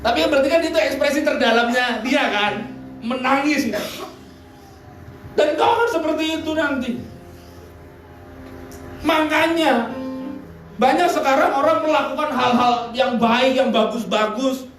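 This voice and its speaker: A man's voice: extremely high pitch, measured pace, long pauses. A male pastor preaching a sermon, telling stories, mimicking voices and dropping blunt slang asides. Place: church service in a hotel hall. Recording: echoey hall, mic distant, music faint.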